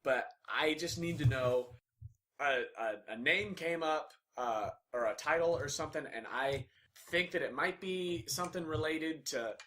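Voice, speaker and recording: A man voicing an earnest young man who is anxious and rushed and repeats himself apologetically, in a tabletop game. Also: fairly high pitch, fairly bright tone.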